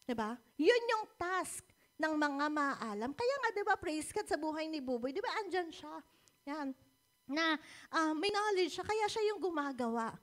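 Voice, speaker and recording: A Filipina woman gives a church sermon in a high, bright voice. Her pitch swings widely as she talks. She keeps asking her listeners for agreement and laughs easily between points. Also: measured pace. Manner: animated, often asks the congregation "di ba?". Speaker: preacher.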